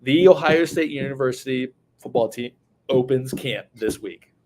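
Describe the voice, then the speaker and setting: A man's voice: medium pitch, moderate pace, a little mellow, slight background noise. A man, co-hosting a casual chat while he has the hiccups, often repeating words as he starts sentences. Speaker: podcast co-host.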